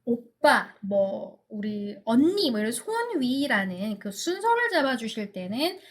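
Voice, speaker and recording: A woman giving an online English grammar lecture, asking check-in questions and reading English example sentences slowly and carefully. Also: fairly high pitch, very animated.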